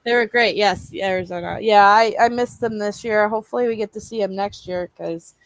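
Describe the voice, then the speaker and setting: A young woman co-hosting a live online show, talking in a relaxed, halting way with many ums. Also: medium pitch, soft background music. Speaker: co-host of a live advocacy show. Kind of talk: casual chat.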